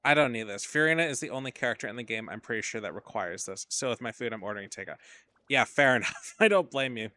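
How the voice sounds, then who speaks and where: A man talks through his gameplay in loose, wandering commentary, with plenty of casual swearing. His voice has a bright, forward edge, and he sounds tired. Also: mid-range voice, expressive, fast. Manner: rambling, profane, drowsy asides. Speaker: game streamer.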